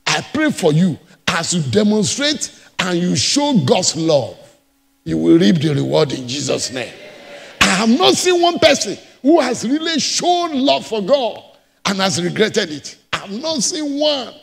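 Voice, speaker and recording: Pastor preaching, high voice, gravelly, big reverb in the church hall. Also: male voice, sing-song, unhurried. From Nigeria. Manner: emphatic preaching with repetitions and swings between loud and soft. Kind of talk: sermon.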